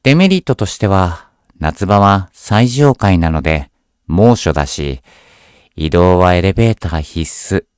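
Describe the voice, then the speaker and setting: A man reading a scripted horror story aloud as a narrator, in a measured, deliberate storytelling delivery. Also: low voice, lively intonation, darkish tone, smooth, dry recording, studio quality.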